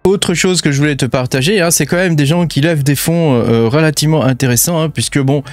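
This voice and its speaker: Soft music plays behind this dry recording of a fairly high-pitched man talking a little fast. A French-accented crypto channel host, he casually guides viewers through on-screen apps, chatty and heavy on fillers and "hein," using "tu."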